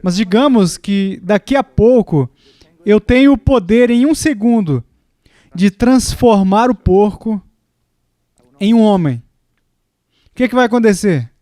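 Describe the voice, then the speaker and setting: A man delivers a sermon in a high, light voice, telling stories to make his point. The sound is dry and close, with no echo around him. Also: expressive, a little slow, long pauses, mellow. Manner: storytelling with acted quotes, rising pitch in the quoted lines. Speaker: preacher.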